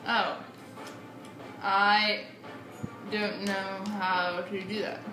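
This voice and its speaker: This let's play gamer speaks in a level, mid-range voice, drawing out her words as she chats through a video game. Her audio has a roomy quality, with game music in the background.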